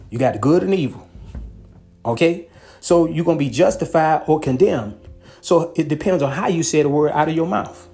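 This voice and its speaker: A man's voice: fairly high pitch, warm tone. A man preaching a podcast sermon, pleading and repeating himself, stopping often to check his listeners are with him. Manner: repetitive, pleading, peppered with "okay" and "hallelujah".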